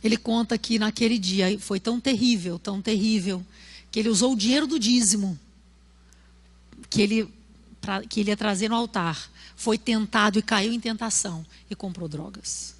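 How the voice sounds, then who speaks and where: A woman pastor with a Brazilian Portuguese accent preaching a sermon at a church service, telling stories and acting out quotes, at times rising to a shout. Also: mid-range voice, moderate pace.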